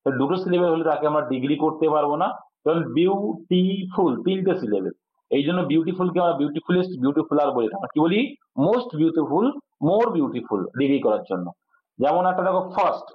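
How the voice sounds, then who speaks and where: Fast and slightly rough, this fairly high male voice has lively intonation as he leads an exam-prep English grammar class. The sound is tinny, like a phone, and he explains each step while asking questions he then answers himself.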